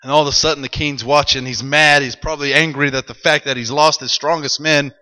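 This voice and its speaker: A male preacher telling a Bible story to a congregation, building from calm narration to excited shouts. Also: on the high side, fairly quick. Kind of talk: sermon. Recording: long hall reverb.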